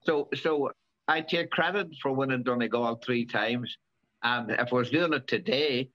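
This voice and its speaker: Halting older man in a lo-fi interview. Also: mid-range voice, fairly bright tone. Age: 70s. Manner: halting, repeats words, many fillers. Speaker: rally driver guest. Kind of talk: casual interview. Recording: dull lo-fi recording.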